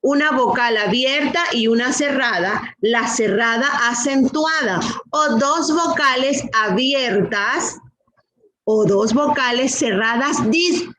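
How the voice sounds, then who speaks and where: A middle-aged woman teaching a class, speaking slowly and patiently and repeating rules and questions to her students. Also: on the high side, fairly bright tone, poor audio. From Latin America. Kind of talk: online class lesson.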